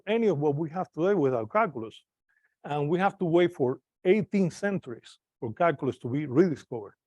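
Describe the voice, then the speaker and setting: A Cuban man, the club presenter, gives an informal talk to a live club audience, hesitant and full of fillers and restarts. His voice is on the high side with a dark tone, and the recording is muffled with no echo.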